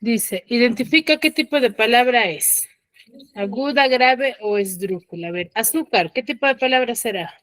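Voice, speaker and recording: A woman's voice: on the high side, normal speed, a bit bright, no room sound. A woman teacher on a video call, patiently quizzing her students and confirming their answers. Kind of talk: online class quizzing students.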